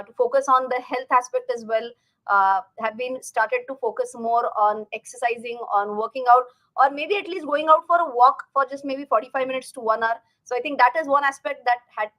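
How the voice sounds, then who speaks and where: A woman's voice: a little high, fairly bright tone, low-quality recording. A woman with an Indian accent hosting a casual livestream as a finance educator, chatting directly to viewers and repeating words for emphasis.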